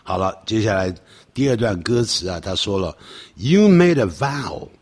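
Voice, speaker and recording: Man, middle-aged, English teacher, lively pitch, slow careful reading of English lines. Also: slightly rough. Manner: explanatory, reads English lyrics slowly. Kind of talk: lesson explaining song lyrics.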